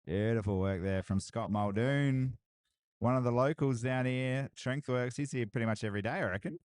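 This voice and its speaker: A man gives live, energetic commentary at a strongman competition, cheering each lift and chatting to the stream's viewers. His voice sits at an ordinary pitch and sounds dry and close, with little room around it. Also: moderate pace, clean tone, no room sound. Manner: excitable hype, repeated cheers and laughs. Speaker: livestream commentator.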